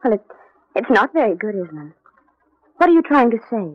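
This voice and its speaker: A woman's voice: fairly high pitch, sing-song, brisk, no room sound. An actress playing a tender young woman who soothes her lover fondly, in a 1940s radio play on a dull, dry old recording. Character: tender, indulgent young woman, gently patronizing.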